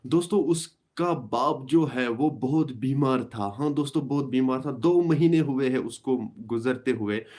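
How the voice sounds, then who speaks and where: A young man speaks to his viewers on a live stream. His voice sits in an ordinary middle pitch, and he talks haltingly, often restarting and repeating phrases. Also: darkish tone. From Kashmir. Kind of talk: casual live stream talk.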